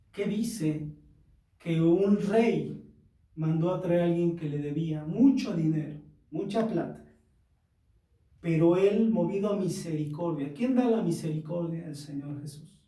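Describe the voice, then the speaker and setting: A man's voice: fairly high pitch, a little slow, long pauses, dark tone, heavy reverb, far from the mic, rough recording. A man preaching as pastor, reading scripture verse by verse and addressing the church directly. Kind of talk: sermon reading and explaining scripture.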